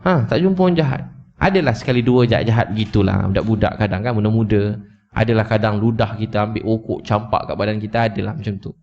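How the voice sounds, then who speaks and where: A man with a lowish, steady, slightly mellow voice talks fast as he preaches to a live audience. He tells a story with emotion, repeats his points, and addresses his listeners directly. The lo-fi recording sounds slightly dull.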